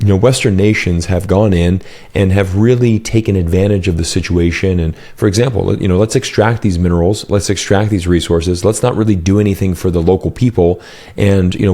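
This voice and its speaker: This is a man from the United States, speaking as an interview guest in a fluent, explanatory way with plenty of "you know" fillers. His voice sits fairly low and sounds dark and mellow. He talks into a close boom mic in a home office. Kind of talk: casual interview answers. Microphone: headset and boom mic.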